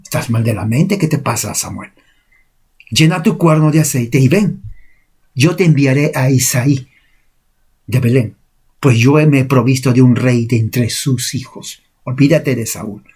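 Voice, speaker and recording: A preacher voicing an impatient scolding God. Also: male voice, medium pitch, unhurried, a little mellow, husky. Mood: exasperated scolding. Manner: exasperated, rebuking.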